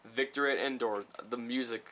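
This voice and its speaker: A man's voice: medium pitch, steady tone, bright, forceful tone. Rambling man reading out trading cards. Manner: rambling, reads card titles aloud slowly. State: slightly sick. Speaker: card unboxing vlogger. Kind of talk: casual unboxing chat. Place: small room at home.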